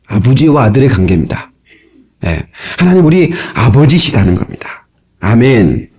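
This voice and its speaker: Husky pastor preaching on old tape. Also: male voice, medium pitch, moderate pace. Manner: lively preaching, asks congregation for responses, folksy asides. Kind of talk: sermon. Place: church sanctuary. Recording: old cassette tape transfer.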